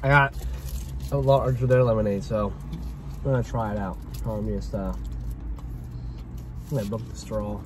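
A young man, a son co-hosting a food review and talking in a relaxed, agreeable way while eating in a parked car, picked up by a dashboard camera. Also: fairly low pitch, normal speed, pauses often, background noise. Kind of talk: casual chat in a car.

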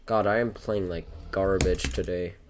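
A man on voice chat with a streamer, needling her in a dry, deadpan way. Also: sits low, moderate pace. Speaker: friend on voice chat. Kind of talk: casual gaming chat. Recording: noisy voice chat line.

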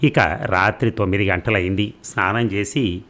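A man narrating a novel in an audiobook reading, calm and even. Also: on the low side, normal speed.

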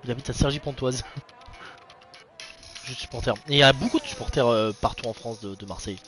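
A young man giving casual, excitable live commentary on an online racing league, chatting to his viewers in a slangy, informal way. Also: medium pitch, fairly quick, music in the background. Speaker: race commentator and streamer.

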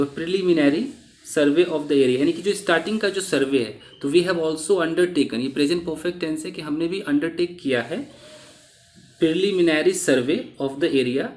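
A man's voice: on the high side, darkish tone. Echoey male English teacher. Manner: reads English phrases slowly, then explains them briskly. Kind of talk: newspaper-reading lesson, explaining in Hindi.

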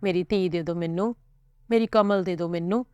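A woman voicing a grieving older mother from a village who recounts her loss slowly and tearfully. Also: fairly low pitch, mellow, smooth, no echo, lo-fi sound, natural voice. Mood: wailing. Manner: tearful, slow storytelling.

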